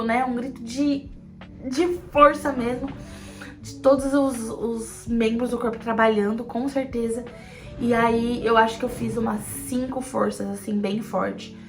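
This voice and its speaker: Young Brazilian woman, vlog storyteller; chatty, loops on "e aí", higher pitch, faint music bed. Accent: Brazilian Portuguese. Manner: chatty, repetitive "e aí" storytelling, acts out quoted lines. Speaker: vlogger telling her birth story. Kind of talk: casual storytelling to camera.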